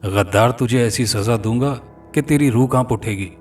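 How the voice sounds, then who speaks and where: A man's voice: mid-range voice, moderate pace, recorded from a distance, a little hiss or hum, lightly acted. A man voicing a brutal male police inspector who growls abuse and threats in a storybook horror tale. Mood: menacing. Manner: abusive, threatening.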